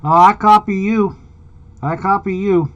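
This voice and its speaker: A man doing a slow radio check over a mistuned sideband CB radio, counting and calling out. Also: high voice. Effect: mistuned sideband CB radio transmission. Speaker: CB radio operator. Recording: muffled CB radio with loud static.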